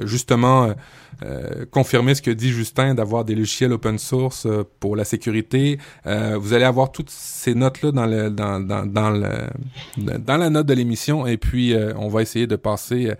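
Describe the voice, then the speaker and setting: A man's voice: medium pitch, darkish tone, no echo. A man with a Québécois accent co-hosting a tech podcast, talking casually with many hesitations and fillers. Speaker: podcast co-host.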